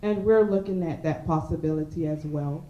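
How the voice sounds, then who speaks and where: A woman pitching her business to a panel of judges, speaking in a measured, emphatic way and then answering their questions. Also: dark tone, far from the mic. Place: event hall. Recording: echoey hall, dull lo-fi sound.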